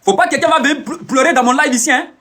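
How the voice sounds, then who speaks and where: A man's voice: very high voice, fast, bright, forceful tone, slight background noise. A young man, boastful and teasing, who repeats his phrases over and over in a casual live stream.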